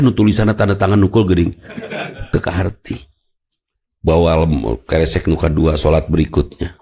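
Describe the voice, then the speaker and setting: Gravelly Sundanese-accented preacher. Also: male voice, low-pitched, mellow. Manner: humorous, storytelling, mixing in local words. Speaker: Islamic preacher. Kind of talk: sermon.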